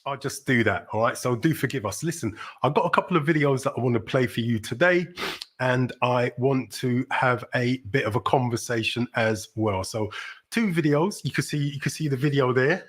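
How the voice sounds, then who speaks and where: A man's voice: medium pitch, normal speed. A middle-aged man from South London with a London accent, hosting a casual livestream in a chatty, rambling way with sudden upbeat exclamations. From South London, England. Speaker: livestream host.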